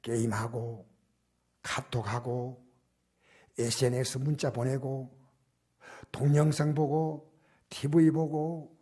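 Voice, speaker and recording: An older man preaches to his congregation in a church sanctuary. His voice is dark and mellow, with a husky, breathy edge. He presses his points loudly, then falls to hushed, almost whispered asides. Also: mid-range voice, level tone, takes it slowly, long pauses. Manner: shifts from loud emphatic exhortation to soft, near-whispered asides. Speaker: pastor. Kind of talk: sermon.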